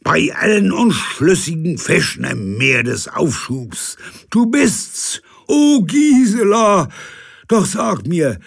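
A shrill drunken sea captain. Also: male voice, big pitch swings, takes it slowly, creaky, breathy edge, exaggerated voice. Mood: overwrought. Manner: wailing, theatrical outbursts. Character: hysterical drunken old male sea captain.

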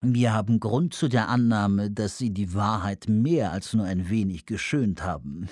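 A man voicing an oily, menacing male villain who speaks slowly and smoothly. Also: fairly low pitch, a little mellow, no echo, clean studio sound. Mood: oily menace. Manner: slow, smooth and sinister.

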